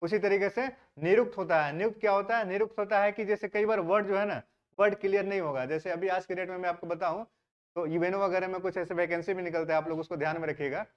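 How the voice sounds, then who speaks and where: A man's voice: sits high, fairly even intonation, fast. A male teacher gives an exam-prep history lecture. He asks the class questions and answers them himself, and he mixes English words into his talk. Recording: dull lo-fi sound.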